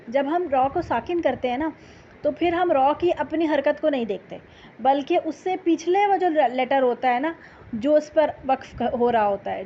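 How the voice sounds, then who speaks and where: High-voiced woman teaching tajweed. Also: dull audio, slight background noise. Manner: explains letters patiently, then recites verses slowly and drawn out. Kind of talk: Quran recitation lesson.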